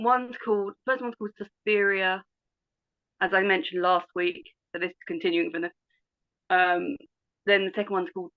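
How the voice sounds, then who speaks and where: Rambling woman with a gravelly voice, heard over dull lo-fi call audio. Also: on the low side. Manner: rambling, hesitant, many fillers. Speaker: call participant. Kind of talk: casual group call chat.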